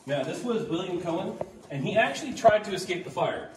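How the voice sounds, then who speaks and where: Echoey cave tour guide, higher-pitched man. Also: expressive, a little fast. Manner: conversational, explanatory storytelling. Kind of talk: informal storytelling to a small tour group. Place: inside a cave, voice echoing. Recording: echoey cave, long reverb, distant, faint noise.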